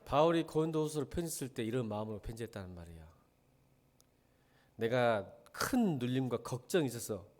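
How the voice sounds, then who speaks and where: A middle-aged male pastor preaching a blunt sermon, firing rhetorical questions at his congregation and swinging from quiet talk to shouting. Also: medium pitch, animated, fairly quick.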